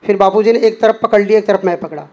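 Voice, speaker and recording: A man's voice: sits high, steady tone, quick pace, mellow. A man giving an earnest spoken testimony as a devotee, acting out the dialogue he quotes. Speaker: devotee sharing a personal experience.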